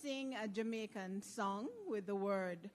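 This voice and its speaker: A woman's voice: mid-range voice, unhurried, a little hiss or hum. A woman from the audience reading a prompt and then singing shyly.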